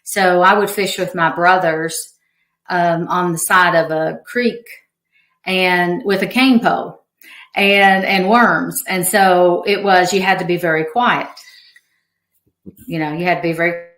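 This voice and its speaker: Chatty low-voiced woman. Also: fairly bright tone. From rural Kentucky. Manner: chatty, laughs often, lots of fillers. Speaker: guest, angler's wife. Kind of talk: casual podcast chat. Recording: roomy echo.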